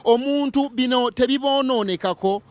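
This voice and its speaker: Male TV field host, Ugandan accent, very high register, playful, exclamatory interviewing style. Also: moderate pace, dry recording. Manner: exclamatory, playful, repeats words for emphasis. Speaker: TV market reporter and host. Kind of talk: animated on-location interviewing. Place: busy community market.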